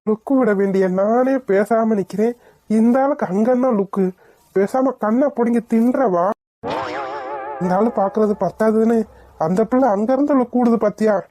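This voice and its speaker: A woman's voice: fairly high pitch, moderate pace, warm tone, close to an everyday voice. A woman voicing teasing young men in a cartoon, joking and mocking one another. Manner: bantering, mocking. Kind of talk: cartoon voice acting.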